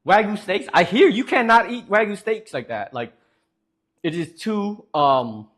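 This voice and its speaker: A man's voice: high-pitched, expressive, measured pace, a bit bright. A young man streaming live, chatting casually with viewers in a joking, rambling way with lots of fillers.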